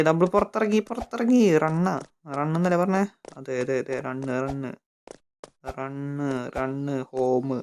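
A young man from Kerala, giving excitable casual commentary as a gaming YouTuber, shouting at the game and talking to viewers. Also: mid-range voice, slight background noise.

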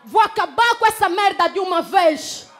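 A woman's voice: very high voice, moderate pace, fairly bright tone. A woman with an Angolan Portuguese accent firing defiant battle rap comebacks on a club stage. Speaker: battle rapper. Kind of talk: rap battle verses over a crowd. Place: indoor club stage with a crowd.

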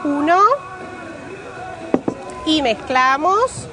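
Speaking extremely slowly in a high, expressive voice, a Uruguayan pastry cook in her forties walks through a live cooking demo at an outdoor fair stand. Her Rioplatense Spanish accent is clear as she repeats key words at each step, and music plays in the background.

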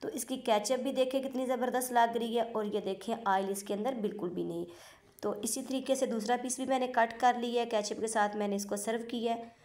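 A woman cooking-channel host narrating a recipe step by step, steady and instructive, politely addressing her viewers in a close voice-over. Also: a little high, brisk.

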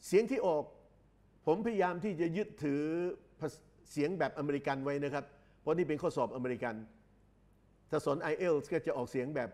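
A man lectures, pitched a bit higher than most men. He explains at an unhurried pace, repeats phrases and stretches out English words for clarity. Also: expressive, a little mellow. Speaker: English exam tutor. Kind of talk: recorded lecture.

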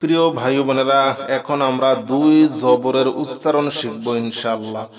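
A man with a Bangladeshi Bengali accent teaching the Quran, chanting each letter in a slow, rising sing-song and slipping in brief spoken explanations. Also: mid-range voice, a crowd in the background.

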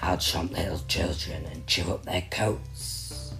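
A woman voicing a greedy, gleeful male troll in a deep growl for a read-aloud picture book. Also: steady tone, takes it slowly, exaggerated voice. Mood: greedy relish. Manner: gloating, relishing every word. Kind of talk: storybook reading. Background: soft music.

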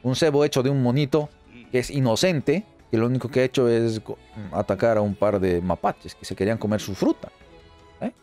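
A man giving excited let's play commentary, chatty and often repeating phrases in quick bursts. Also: mid-range voice. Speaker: gameplay commentator. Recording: faint game music underneath.

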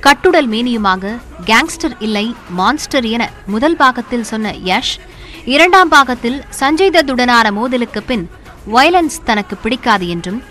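A woman narrating a scripted, dramatic TV feature with punchy, emphatic delivery. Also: fairly high pitch. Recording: loud music bed under voice-over.

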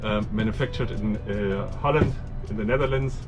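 A man's voice: on the low side, normal speed, over music. A man in his fifties, a boat owner, giving technical explanations in an interview from a cramped engine hatch. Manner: technical, explains while pointing at equipment. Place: cramped engine hatch of a moored catamaran, outdoors.

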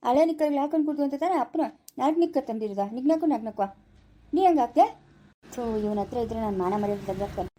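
Fast, high village woman scolding. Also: expressive. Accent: Kannada, Chikkaballapura area. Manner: loud scolding village dialect. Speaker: family skit performer. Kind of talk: rural family skit acting.

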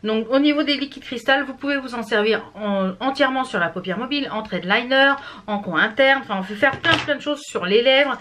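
A woman's voice: a little high, fairly quick, hardly any pauses, bright, forceful tone. A woman from France chatting casually through a makeup product review, with many fillers and restarts. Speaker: beauty vlogger.

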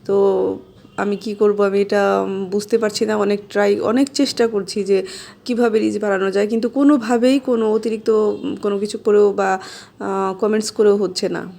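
A woman vlogger chatting casually to her followers in a hesitant, rambling, repetitive way with many filled pauses. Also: medium pitch, steady tone, vocal fry, dark tone. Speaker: social media vlogger. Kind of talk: casual chat to followers while snacking.

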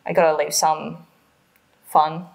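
Speaking slowly in a low, level, creaky voice, an Australian woman in her thirties co-hosts a travel vlog. Seated in her living room, she gives a casual explainer chat peppered with ums.

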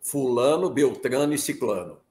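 A man's voice: medium pitch, lively intonation, normal speed, darkish tone, echoey room, slight background noise. A Brazilian man, a guest on a talk show, chatting casually and agreeably, joking and laughing along with the host. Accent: Brazilian Portuguese.

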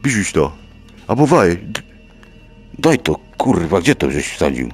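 A man's voice: low-pitched, big pitch swings, measured pace, slightly rough, faint music behind. A man playing a horror game and talking through it, swearing often, muttering to himself and shrieking in fright. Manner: jumpy, swears a lot, shrieks when scared, mutters to himself. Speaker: gaming YouTuber. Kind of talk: horror game let's play commentary.

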